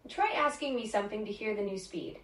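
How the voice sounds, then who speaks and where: A synthetic woman's voice, mid-range and brisk, belongs to a voice assistant giving polite, even, scripted replies. It's recorded from a smart speaker in an echoey room.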